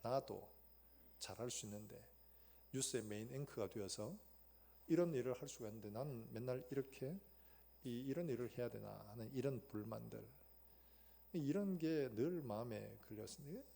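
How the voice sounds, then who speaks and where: Gravelly pastor telling a story. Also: male voice, medium pitch, moderate pace. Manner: storytelling, acting out quotes with sudden loud outbursts. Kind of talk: sermon. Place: church sanctuary.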